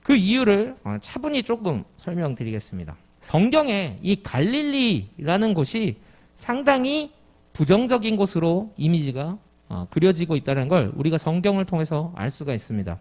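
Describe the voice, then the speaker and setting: A man's voice: high voice, sing-song, normal speed, a little mellow. A middle-aged man from Jeju preaching an expository sermon, explaining step by step and putting questions to the congregation. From Jeju, Korea. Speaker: pastor. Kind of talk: expository sermon at a midweek service.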